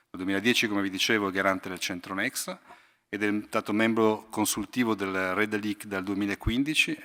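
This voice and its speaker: A man's voice: on the low side, fairly bright tone. Man introducing a guest in a hall. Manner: reads a list of credits, with restarts. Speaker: event host introducing the speaker. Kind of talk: formal introduction. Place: auditorium. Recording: reverberant auditorium.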